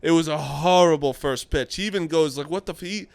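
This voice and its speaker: A man chatting casually with friends, his voice smooth and clean with a dry, close sound. He tells stories freely, laughs a lot and swears now and then. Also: on the high side, a little fast, no echo. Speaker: podcast co-host. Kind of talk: casual chat.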